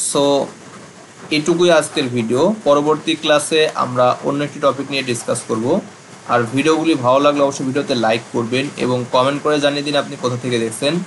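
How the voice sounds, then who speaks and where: A man's voice: mid-range voice, slight background noise, rough recording. A man teaching a basic English grammar lesson, patiently spelling words letter by letter and repeating key terms.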